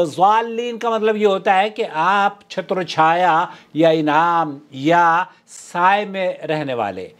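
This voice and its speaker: Male preacher, high-pitched, earnest explanatory lecture delivery. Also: fairly bright tone. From South Asia. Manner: earnest explanatory tone, addresses "brothers and sisters". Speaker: Islamic preacher. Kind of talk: religious lecture in Urdu.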